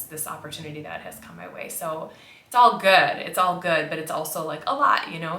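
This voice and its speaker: Bright, lowish-voiced American woman vlogging. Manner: candid, reflective, conversational. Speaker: makeup vlogger. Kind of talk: casual chat to camera. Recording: roomy, echoey indoor sound.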